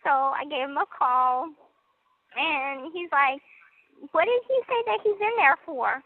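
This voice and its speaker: A woman's voice: high voice, measured pace. A young woman calling from prison, chatting casually and giggling, with lots of "like" and "um". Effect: prison phone line. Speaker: inmate on a phone call. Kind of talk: casual phone chat. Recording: tinny phone line with faint noise.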